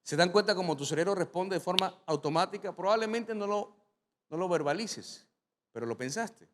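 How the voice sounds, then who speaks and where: A male pastor preaching a sermon, telling stories with animation and rising to sudden loud climaxes. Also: high-pitched, animated, moderate pace, a little hiss or hum.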